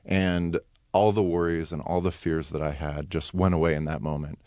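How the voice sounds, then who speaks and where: Male student interview guest. Very deep bass voice, sincere delivery, no room sound. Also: flat delivery, normal speed, a little mellow, no echo. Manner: earnest. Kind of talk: earnest radio interview answers.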